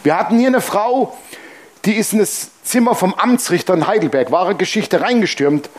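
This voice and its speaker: A man preaching to his congregation as pastor, blunt and colloquial, acting out the voices in the stories he tells. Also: normal speed. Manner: animated storytelling, acting out dialogue with shifting pitch. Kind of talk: sermon.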